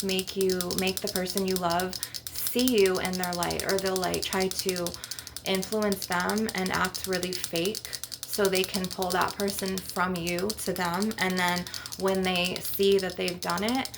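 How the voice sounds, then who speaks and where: A middle-aged woman with a lowish, gravelly voice leads an energy-clearing ASMR session, rambling casually, bluntly and with plenty of swearing. The recording is noisy, full of clicks and taps, with tapping, clicking and rattling on glass or crystal in the background.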